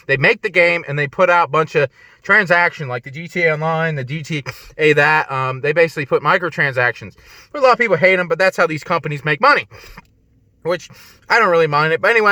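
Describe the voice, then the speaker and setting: A man rambles through his stock picks from a parked car, circling back with "but anyway" after every tangent. His voice is fairly high and bright, a little congested, and the recording is close and dry. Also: dry recording. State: congested, clearing throat. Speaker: stock-picking video host. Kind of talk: casual rambling stock talk. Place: in a car on a windy day.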